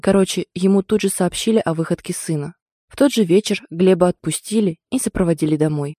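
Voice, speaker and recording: Firm, commanding man, as a woman voices him; dark, mellow tone, dry recording. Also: on the low side, brisk, dry recording, natural voice. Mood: bitter. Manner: firm, barking orders. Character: stern commanding man, protective older brother.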